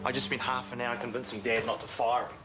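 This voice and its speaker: An actor playing a loyal but aggrieved young flatmate in a TV soap, with a New Zealand accent. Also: male voice, medium pitch, fast talker, lightly acted. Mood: aggrieved, reluctant. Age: young adult. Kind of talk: naturalistic TV soap acting. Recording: music behind the dialogue.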